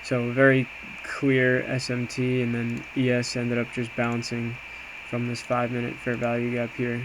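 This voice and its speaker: Over steady background noise in a clear recording, a man speaks at a measured pace with a medium pitch. He casually talks through a screen, recapping his trades as an amateur day trader in a hesitant, self-reflective, informal way.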